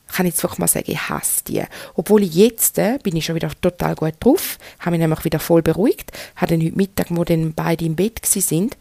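Woman, thirties, Swiss German accent, frank and chatty podcast host, gravelly fry, dry close sound. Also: lowish voice, a little fast, few pauses, dark tone, no room sound. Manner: frank and chatty, addresses the listener directly. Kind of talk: candid solo podcast monologue.

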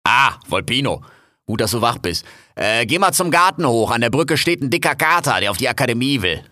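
A harried foreman animal of a storybook, handing out blunt orders in loose slang, as a man voices him. His voice is bright and lively, rising and falling freely. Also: mid-range voice, a little fast, dry recording, studio quality. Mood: brusque. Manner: brusque, casual colloquial orders. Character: gruff male foreman, busy and blunt.

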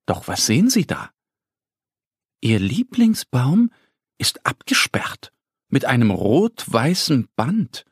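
A man narrating a children's story in a slow, expressive storytelling manner, recorded close in a studio. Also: on the high side, slightly rough, no room sound.

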